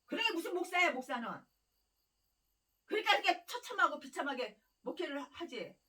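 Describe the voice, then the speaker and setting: The preacher here is a woman with a very high, bright, forceful voice, big pitch swings, and a fairly quick pace, heard from far off. Her sermon is fiery and scolding, built on repeated phrases and harsh, angry rants laced with insults.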